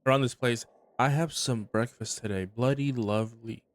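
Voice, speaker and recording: A man reading aloud the lines of a weary, dutiful male worker out in the woods, in a measured, plain way. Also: mid-range voice, close to an everyday voice. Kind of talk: reading game dialogue aloud.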